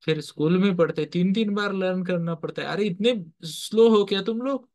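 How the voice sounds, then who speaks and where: A man with a slightly high voice leads a motivational lesson, telling stories like a teacher and counsellor. He often stops to quiz his listeners and moves freely between Hindi and English phrases. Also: brisk, darkish tone. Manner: quizzes listeners with repeated questions. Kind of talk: motivational storytelling lecture.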